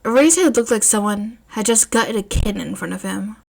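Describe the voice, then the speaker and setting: A woman narrating a story, her voice at a middle pitch that rises and falls with lively expression. She reads at a measured pace. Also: vocal fry. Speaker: narrator, fanfiction reader.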